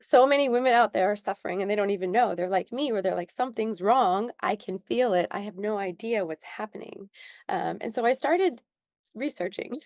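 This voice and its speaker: In a dry recording, a young woman who founded a skincare brand talks briskly about her own experiences as an interview guest. Her voice sits at medium pitch with a slightly mellow quality. Earnest throughout, she fills pauses with many ums and grows tearful at times.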